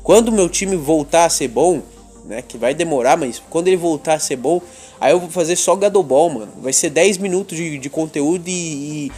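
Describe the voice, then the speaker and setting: Slangy Brazilian man with raised pitch. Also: moderate pace, darkish tone, soft background music. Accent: Brazilian Portuguese. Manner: crude slangy rambling, frequent laughs. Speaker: podcast host. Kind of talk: casual chat monologue.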